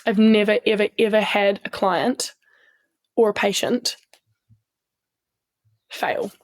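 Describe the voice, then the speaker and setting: In an easygoing interview, a strength coach and sports medic from New Zealand tells stories as the guest, speaking slowly at medium pitch in a steady tone. She's earnest throughout, restarting often and saying um frequently.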